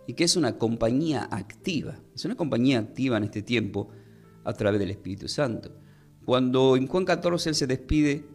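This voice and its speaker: Measured male preacher over soft music. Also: mid-range voice. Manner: measured, slowing to stress key words. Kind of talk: sermon.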